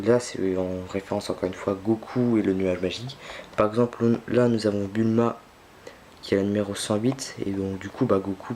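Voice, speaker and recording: A man's voice: on the low side, a little mellow, a little hiss or hum. A young man filming an unboxing at home, talking casually and hesitantly with many fillers and restarts. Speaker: unboxing vlogger.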